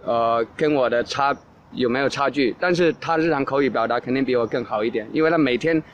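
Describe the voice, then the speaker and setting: Man, casual podcast host, mid pitch, rambling delivery with restarts, faint ambience. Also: brisk, muffled recording, slight background noise. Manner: rambling, with many restarts and repeated words. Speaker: English teacher and podcast host. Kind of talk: casual monologue answering listener questions.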